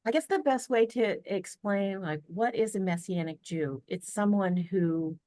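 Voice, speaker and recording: An American woman speaks in a mellow, medium-pitched voice, taking her time as she tells a family story for a podcast over a video call. She's earnest and chatty, with frequent fillers and restarts, on a dry recording.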